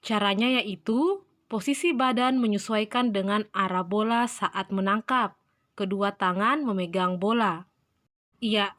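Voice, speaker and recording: A woman teaching a primary school lesson to young children, reading slowly and clearly. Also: mid-range voice, a bit bright, dry recording, studio quality. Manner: slow, clear, instructive reading.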